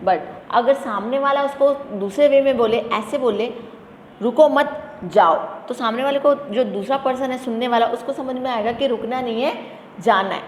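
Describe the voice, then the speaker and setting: Woman teacher, echoey room. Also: fairly high pitch. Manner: asks questions then answers them herself; reads English definitions slowly and deliberately. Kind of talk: explanatory lecture to students. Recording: echoey room with faint background noise.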